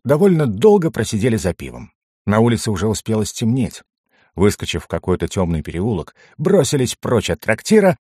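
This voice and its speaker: A man's voice: on the low side, no echo, clean studio sound. A man reading an adventure story aloud, narrating expressively. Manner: expressive storytelling, voicing each character. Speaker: audiobook narrator. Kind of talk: scripted narration.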